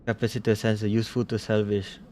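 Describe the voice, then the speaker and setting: A man's voice: lowish voice, little pitch movement, quick pace, darkish tone, slight background noise. A man streaming a game, reading the story text aloud and muttering casual comments to himself.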